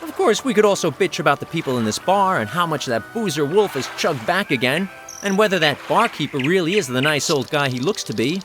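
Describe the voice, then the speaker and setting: A man's voice: on the high side, sing-song, a little fast, music in the background. A man voicing a cocky, sardonic young male wizard in a video game, grumbling and flippant. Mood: sarcastic.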